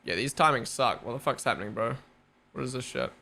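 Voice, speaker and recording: This young Kiwi streamer rambles through a casual live watch-along, peppering his talk with fillers and curses. His mid-range voice is lively, pushed and bright, moving a little fast.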